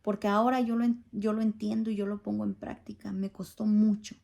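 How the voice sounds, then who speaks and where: A woman's voice: mid-range voice, level tone, a little fast, gravelly, warm tone. A middle-aged woman giving an earnest, pleading testimony to a congregation at church. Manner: earnest, pleading, asks listeners for agreement.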